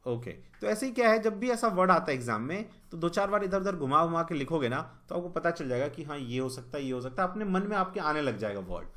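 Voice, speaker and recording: A man teaching exam reasoning questions, often asking the students whether they follow and reading the English question text slowly. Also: fairly high pitch, big pitch swings, a bit bright. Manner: spells out letters one by one while writing. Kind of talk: explaining reasoning questions at a board.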